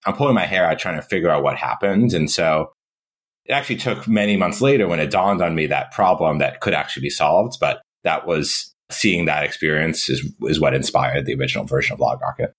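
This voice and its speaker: A man's voice: rumbling low, a little fast, fairly bright tone, husky. A young man, a startup founder, answering interview questions in an easygoing, conversational way. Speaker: startup CEO guest. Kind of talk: casual interview.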